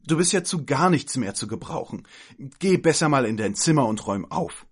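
A man putting on a shrill scolding aunt. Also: lively intonation, a little slow. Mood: indignant scolding. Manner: indignant, scolding, fussy. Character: shrill bossy scolding middle-aged aunt, female.

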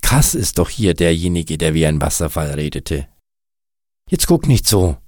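A man's voice: low voice, very animated, measured pace, darkish tone, dry recording, clean studio sound, heavily acted. A man doing a jokey, easygoing snowman. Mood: teasing. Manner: jokey and reassuring. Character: teasing, easygoing snowman friend. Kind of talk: storybook reading.

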